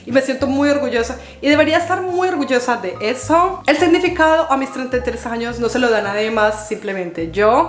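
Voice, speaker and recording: Woman in her 30s vlogging, kinda high voice, earnest pep talk, echoey room w/ soft music. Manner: earnest, encouraging, speaks directly to viewer. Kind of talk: casual vlog talk to camera.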